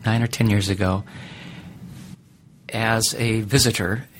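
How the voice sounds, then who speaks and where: A middle-aged man who teaches ethics, answering interview questions in a thoughtful, deliberate way with many pauses. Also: on the low side, steady tone, slight background noise.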